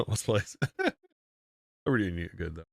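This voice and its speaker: Playing a game live, a US man in his thirties rambles, jokes and turns to his chat between moves. His fairly low, gravelly voice has a fairly bright tone and swings hugely in pitch, and he speaks slowly in a dry space with no echo.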